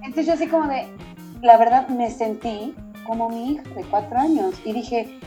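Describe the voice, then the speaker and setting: A woman's voice: fairly high pitch, normal speed. A Mexican woman in her thirties, a mother talking casually about parenting and acting out quoted dialogue as she tells stories. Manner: animated storyteller, acts out quoted dialogue. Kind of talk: casual conversational talk. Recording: dull lo-fi audio, faint music.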